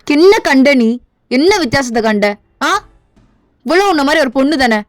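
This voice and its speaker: A woman's voice: a little high, normal speed, dark tone, no room sound, close to an everyday voice. Woman doing hurt young gf voice, pleading and defensive, fan audio drama, faint music behind. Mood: upset.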